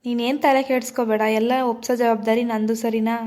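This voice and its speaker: A woman's voice: a little high, little pitch movement, fast talker, natural voice. Shivu, a woman playing a fiery lover. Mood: reassuring. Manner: forceful threats, gentle reassurance. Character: young village labourer man, protective, hot-tempered lover.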